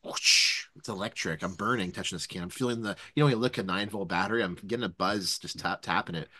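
A man's voice: low-pitched, fast, no echo. A man co-hosting a casual beer-review podcast, joking and laughing as he talks. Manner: joking, animated, laughs a lot. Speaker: podcast co-host. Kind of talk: casual chat reviewing beers.

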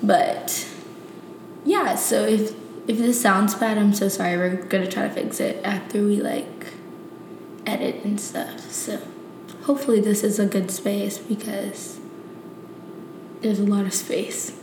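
Young lady on a casual podcast, slangy talk, echoey kitchen, bit of rumble behind. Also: steady tone, measured pace. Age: young adult. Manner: informal, slangy. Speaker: podcast co-host. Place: kitchen of an apartment. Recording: echoey room, faint low rumble.

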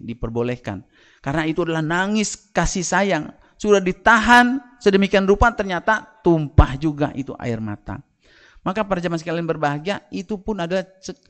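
A middle-aged male preacher tells stories from the pulpit. His voice sits a little high for a man, and he keeps the congregation engaged by firing rhetorical questions at them. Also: fairly bright tone. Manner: storytelling with rhetorical questions and acted quotes. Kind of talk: sermon.

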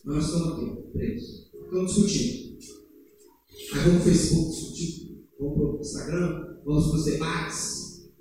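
A high-voiced man preaches an animated sermon, urging loudly one moment and dropping into low asides the next. He sounds distant from the mic, and the church around him rings with heavy echo. Faint room noise sits under his voice. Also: moderate pace, long pauses. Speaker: pastor. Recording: echoey church hall, heard from afar.

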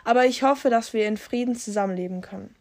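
A woman's voice: fairly high pitch, quick pace, a little mellow, lightly acted. A woman doing an old tomcat clan leader. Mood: earnest. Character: old male cat clan leader, peace-seeking.

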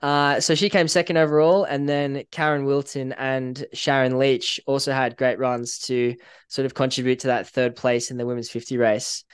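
A man's voice: medium pitch, moderate pace, smooth, dry recording. Man, Northern Irish accent, casual podcast chat, clean resonant voice, dry close sound. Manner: relaxed, chatty, with frequent fillers and small laughs. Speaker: podcast co-host.

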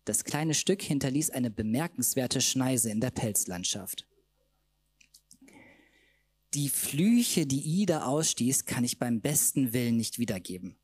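A man's voice: mid-range voice, darkish tone, husky, no room sound. A man reading aloud from his own comic novel at a literature festival, camp and mocking in tone.

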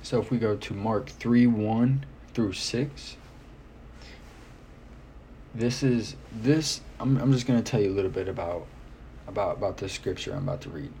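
A man's voice: on the low side, normal speed, long pauses, dark tone. A man giving an informal, earnest, exhorting sermon to listeners, repeating phrases for emphasis. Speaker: preacher. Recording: noticeable background noise.

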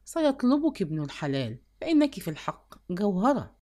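A woman's voice: medium pitch, very animated, fairly quick, mellow, natural voice. A woman voicing a persistent male suitor in a read-aloud story, coaxing and insistent. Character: persistent middle-aged male suitor, smooth-talking.

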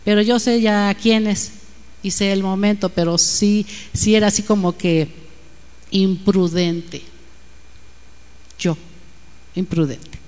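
A woman's voice: mid-range voice, steady tone, normal speed, a little mellow, clear, resonant tone. Mexican woman, women's Bible teacher, conversational and self-deprecating, mid voice, long hall echo. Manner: chatty, confiding, frequent tag questions. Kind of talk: informal devotional talk.

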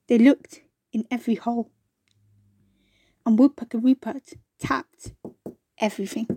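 A woman reading a children's storybook aloud in a gentle, unhurried way, now and then turning to ask the listener questions. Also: a little high, steady tone, a little hiss or hum.

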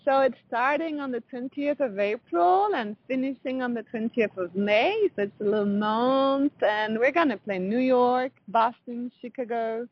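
A young woman with a French accent talks about her music in a relaxed interview, breaking into light, giggly laughs as she goes. Her voice sits a touch high and sounds close and dry, with a slightly dull, muffled tone. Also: normal speed, few pauses, no room sound. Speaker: jazz musician guest. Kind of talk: casual interview chat.

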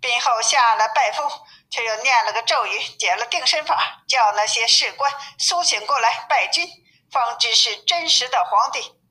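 A woman narrates a classic tale aloud in a storybook reading style. Her voice sits a little high and rings bright and crisp, and her delivery turns lively whenever characters speak. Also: normal speed, low-quality recording.

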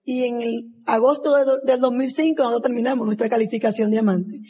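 A woman tells her story to a convention crowd. Her voice is husky. She slips into the voices of the people in it as she speaks. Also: a little high, steady tone, brisk, mellow. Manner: emotional storytelling, acting out dialogue. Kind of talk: motivational testimonial speech.

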